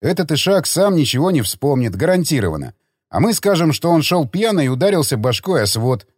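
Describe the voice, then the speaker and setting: A man's voice: on the high side, sing-song, fairly quick, husky, dry recording, studio quality. A man voicing a sly, mocking tough guy in an audiobook, talking with cocky ease. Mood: smug. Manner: smug, mocking.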